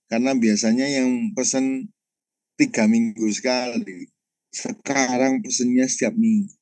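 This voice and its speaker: A man's voice: medium pitch, fairly even intonation, a little slow, darkish tone, no echo, rough recording. A man, a pastor telling a personal testimony in a sermon and often addressing the congregation directly.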